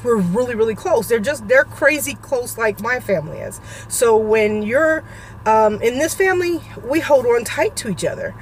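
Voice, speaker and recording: A middle-aged woman vlogger giving a halting, emotional personal update, close to tears. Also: fairly high pitch, slight background noise. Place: suburban home.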